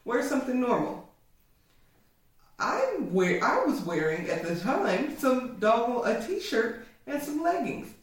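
A playful woman on a couple's podcast, teasing her partner and laughing easily. Her voice sits high and comes from a bit away from the mic, in a very echoey room. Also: big pitch swings, slow, hardly any pauses, distant mic. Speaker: podcast co-host. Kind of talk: casual couple's chat.

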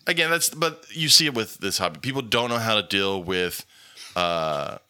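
A man's voice: on the low side, animated, moderate pace, pushed and bright, clean tone. A man who teaches, hosting a casual podcast chat with an opinionated, exasperated manner.

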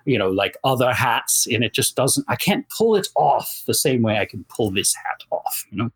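A man playing a jolly, chatty, good-natured Santa Claus in a rambling, effusive interview chat with a husky voice. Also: mid-range voice, big pitch swings, normal speed, a bit bright, exaggerated voice. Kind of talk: improvised in-character interview chat.

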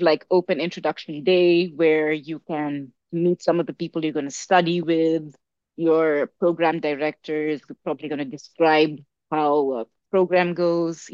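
This low-pitched young African woman talks at a normal pace while guesting on a podcast. Her casual, animated storytelling is packed with fillers and false starts. There's no echo, though the sound is lo-fi.

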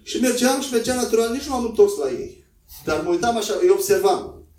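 A man preaching a sermon in a conversational way, acting out quotes in a higher voice. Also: expressive, darkish tone. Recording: echoey room, voice from a distance.

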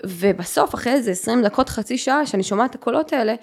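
A young woman hosting a podcast, telling her own story with feeling and acting out the voices of the people in it. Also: on the high side. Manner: animated, acts out quoted voices. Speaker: podcast host. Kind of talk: emotional personal storytelling.

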